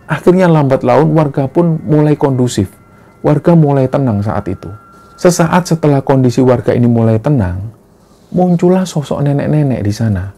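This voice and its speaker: A man narrating a horror story in a steady, earnest storytelling manner. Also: medium pitch, gravelly. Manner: steady, earnest retelling with frequent "nah".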